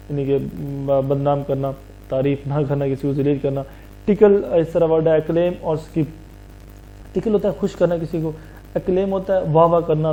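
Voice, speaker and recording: A man's voice: fairly high pitch, mellow, low-quality recording. A man teaching a vocabulary lesson, explaining each word step by step and answering his own questions.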